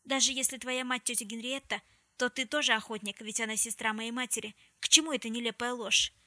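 Defiant young captive woman, played by the reader, bright and biting. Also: on the high side, little pitch movement, brisk, no room sound, clean studio sound. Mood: demanding. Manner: defiant, hissing.

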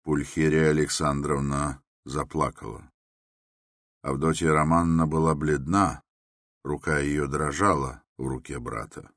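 A man narrating an audiobook in a measured, even manner. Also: very deep voice, no echo, clean studio sound.

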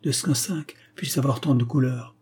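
A man's voice: mid-range voice, normal speed, darkish tone, husky. A man voicing a shrewd, amused old doctor who makes dry, wry remarks in a spoken story.

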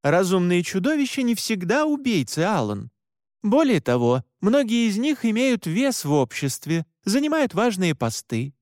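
A man's voice: high voice, sing-song, moderate pace, darkish tone, no room sound, studio quality, voice pushed up. A man voicing a stern, blunt female monster hunter in an audiobook, firm and lecturing. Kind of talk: audiobook character voice.

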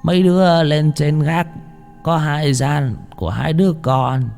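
A male storyteller puts on a wrinkled, hunched old woman who quavers in a raised, hushed voice. She stumbles through her words with drawn-out filler sounds. Soft music plays underneath. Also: on the high side, fairly even intonation, pitched above the performer's own voice. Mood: slow, guarded. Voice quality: quavering and breathy.

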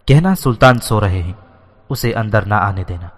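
A man's voice: lowish voice, animated. Man reading as a scheming young court woman. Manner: smooth, falsely respectful. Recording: long hall reverb.

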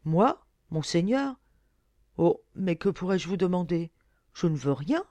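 A woman's voice: on the low side, big pitch swings, measured pace, dark tone, no room sound. A woman reading an earnest pleading fisher girl.

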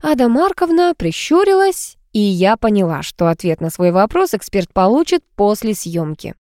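A woman narrating a novel aloud, expressive and lifting her voice for the characters. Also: moderate pace, no room sound, clean studio sound. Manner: expressive, lifts pitch for quoted characters. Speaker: audiobook narrator.

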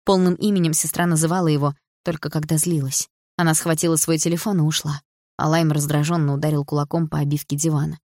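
A woman reading an audiobook in an even, storytelling way. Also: low voice, fast, no echo, studio quality. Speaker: audiobook reader. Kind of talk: scripted narration.

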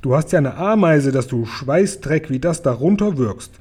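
Man voicing a brutish giant, loud, sneering, boastful, dark mellow voice, storybook reading. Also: fairly high pitch, animated, normal speed, breathy edge. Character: brutish man-eating male giant, coarse bully.

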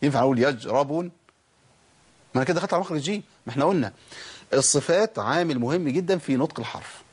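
A man with an Egyptian accent teaching Quran recitation. He asks questions and answers them himself, and stretches out letters slowly to demonstrate how they are pronounced. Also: a little high, expressive, slightly rough. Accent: Egyptian Arabic. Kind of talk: recorded recitation lesson.

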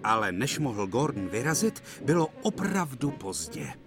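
A man narrating a cartoon storybook-style in an expressive way. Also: medium pitch, over music.

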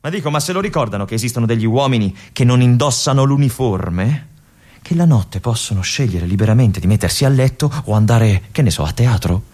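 A man's voice: medium pitch, lively intonation, fairly quick, natural voice. A man playing brooding young Lieutenant Drogo. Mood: bitter. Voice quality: husky, often drops to a whisper. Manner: introspective, swings between hushed musing and agitated outbursts. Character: young army lieutenant stuck in a remote fortress, restless and brooding. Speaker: stage actor. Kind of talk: theatrical monologue broadcast on radio.

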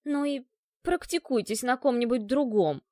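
Woman doing a shrill furious young inventor. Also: moderate pace, dark tone, no echo, natural voice. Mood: sarcastic. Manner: shrill, indignant outbursts. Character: hot-tempered young woman inventor, indignant, sharp.

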